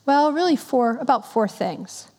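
A woman giving a sermon, reading scripture and then talking it through in a conversational, gently earnest way. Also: a little high, lively intonation, unhurried. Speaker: preacher. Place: church. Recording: long reverb in a hall.

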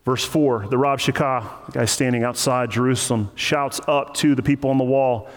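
A man's voice: mid-range voice, fairly even intonation, normal speed. A man preaching a sermon as pastor, teaching through scripture in a casual, conversational way with joking asides. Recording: long reverb of a large hall.

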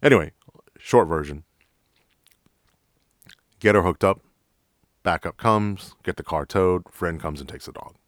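A man's voice: low voice, a little slow, pauses often, a bit bright, no echo, studio quality. A man with a New York accent, a police officer hosting a podcast, telling stories in a blunt, profane, direct way. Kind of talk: casual storytelling.

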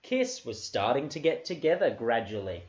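A man co-hosting a comedy podcast, telling an improvised story in a deadpan, playful manner. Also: medium pitch, normal speed. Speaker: podcast co-host. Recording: echoey room, lo-fi.

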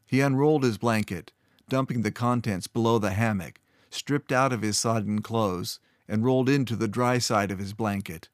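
A man narrating a fantasy story in a steady, measured way. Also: lowish voice, no echo, clean studio sound.

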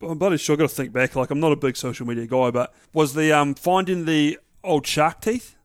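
A man's voice: fairly high pitch, a little fast. A man with a New Zealand accent hosting a casual interview in a matey, slangy, informal way. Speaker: interviewer, show host. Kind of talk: casual chat.

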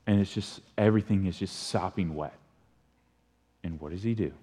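A man preaching a sermon as a pastor, telling the story with animated swings from loud emphasis to hushed delivery. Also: low-pitched, moderate pace, slightly rough. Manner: animated storytelling preacher, rising and falling in volume. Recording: long reverb of a large hall.

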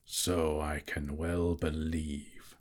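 A man voicing a slow, sly, sneering male dragon in a storybook reading, drawing out each word with mocking menace. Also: a bass voice, flat delivery, darkish tone, heavily acted.

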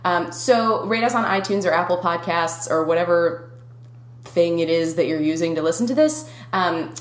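A woman's voice: lowish voice, moderate pace, roomy sound. A young woman with a Minnesotan accent hosting a podcast, chatting casually and laughing often. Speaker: podcast host.

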